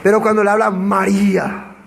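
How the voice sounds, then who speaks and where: A man with a high voice leads a verse-by-verse Bible study. He keeps asking the listeners questions and answering them himself. Now and then he acts out the dialogue of the passage. A faint noise sits under the recording. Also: lively intonation, moderate pace. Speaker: Bible teacher.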